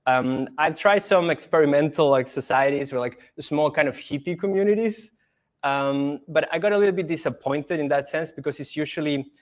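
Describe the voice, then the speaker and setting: A young man from Argentina speaking English as a podcast guest, thoughtful and earnest, with some hesitant restarts. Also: medium pitch. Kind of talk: casual conversation.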